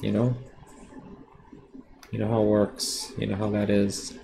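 A man's voice: fairly low pitch, monotone, unhurried, vocal fry, warm tone, slight background noise. A man teaching drawing during a live stream, talking casually and bluntly with lots of fillers. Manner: self-aware about sounding defensive. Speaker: art teacher. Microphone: streaming setup while drawing.

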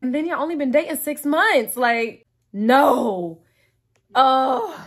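A woman's voice: sits high, slow. A woman reviewing a movie on her channel, exasperated, swearing often and breaking into laughter.

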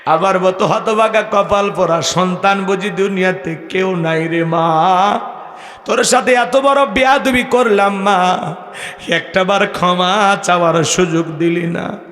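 A man's voice: sits high, a little slow, a bit bright. A man voicing a remorseful grown son who wails and begs forgiveness at his mother's grave in a sermon story. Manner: wailing, begging forgiveness. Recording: echoey hall, long reverb.

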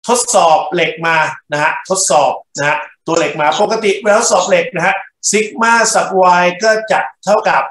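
A male university lecturer works through engineering problems, talking in short bursts and checking in with the class. His voice sits a little high, and the room gives it a noticeable echo. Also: a bit bright. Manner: talks in short bursts, checks in with students often. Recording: echoey classroom.

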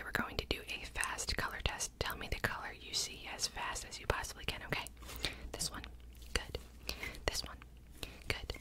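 A young adult woman whispering a fast ASMR role-play as a medical examiner, giving brisk, clipped instructions close to the microphone. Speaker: ASMR creator playing a cranial nerve examiner. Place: small indoor home room. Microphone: large microphone close in front of the mouth.

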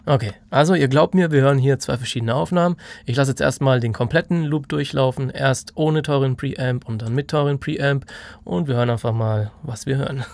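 Gravelly German-speaking man explaining audio. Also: mid-range voice, fairly quick, darkish tone, no room sound. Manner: demonstrates mic distance by moving off and back. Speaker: audio engineer explaining recording. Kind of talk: casual tutorial explanation. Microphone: studio microphone.

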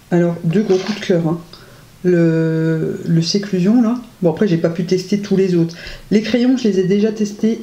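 Chatty woman with a warm, mellow voice. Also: lowish voice. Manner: chatty, enthusiastic, many fillers. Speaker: beauty vlogger. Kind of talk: casual makeup review. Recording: roomy echo.

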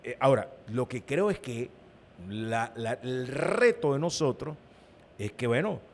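An emphatic Venezuelan man with a gravelly, creaky voice, answering questions in a political interview. His pitch moves a lot as he talks, and he often repeats words for emphasis. A light hiss of noise sits under him. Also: expressive, a little slow. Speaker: opposition party leader, interview guest.

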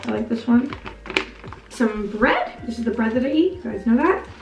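A woman's voice: fairly high pitch, lively intonation, normal speed, gravelly, darkish tone, echoey room, rough recording. A woman in her twenties chatting casually to camera in a home kitchen, upbeat and full of "like". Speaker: vlogger. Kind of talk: casual vlog chat.

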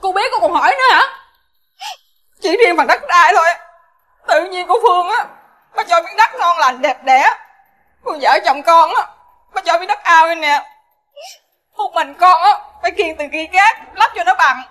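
Brief: tearful, defiant Southern Vietnamese daughter-in-law, very high and bright voice. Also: female voice, animated, normal speed, pauses often, full character voice. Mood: aggrieved. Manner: pleading, emotional.

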